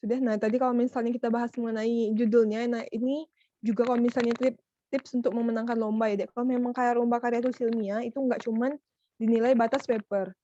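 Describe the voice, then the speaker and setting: A woman's voice: a little high, level tone, fast, dark tone, no echo. A young woman giving an online workshop talk as a trainer, chatty, calling her listeners "Dek". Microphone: video call. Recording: muffled video call audio.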